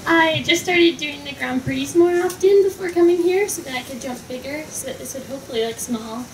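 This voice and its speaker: A woman's voice: high-pitched, fairly quick. A nineteen-year-old woman from Maryland, a show jumping rider, chatting in a post-competition interview. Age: young adult. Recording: noisy, echoey, distant.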